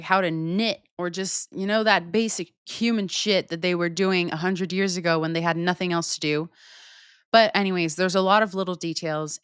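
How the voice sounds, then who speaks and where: Smooth, low-voiced young woman talking candidly. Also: a bit bright, dry recording, studio quality. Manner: candid, unfiltered, swears casually. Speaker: podcast host answering listener questions. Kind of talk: casual conversational monologue.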